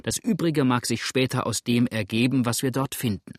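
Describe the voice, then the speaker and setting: A man's voice: medium pitch, normal speed, no echo, clean studio sound, lightly acted. A man voicing a blunt, impatient frontier farmer who speaks brusquely and calls out heartily. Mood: insistent.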